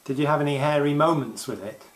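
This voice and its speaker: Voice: medium pitch, quick pace, roomy sound. An interviewer asking short questions in an oral history interview. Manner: brief prompts and questions.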